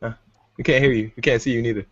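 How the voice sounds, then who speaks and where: A man's voice: medium pitch, fairly even intonation, racing, no echo. A man hosting a casual sports talk podcast, brash and teasing, bossing his co-hosts around. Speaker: podcast host. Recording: dull lo-fi recording.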